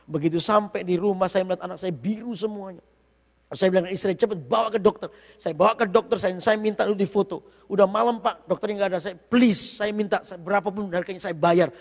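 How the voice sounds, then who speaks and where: A man preaching a sermon in speech, telling a personal story with emotion and lively rhetorical questions. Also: high-pitched, creaky. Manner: emotional storytelling, sometimes breaks into slow song. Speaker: pastor. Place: church sanctuary. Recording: long reverb of a church hall.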